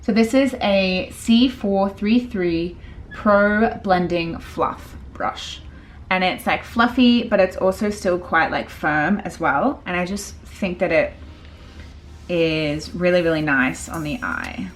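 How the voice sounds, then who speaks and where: A woman's voice: on the low side, slow pace, a little hiss or hum. A woman, a makeup artist chatting casually through a tutorial with lots of fillers. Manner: chatty, filler-heavy, relaxed.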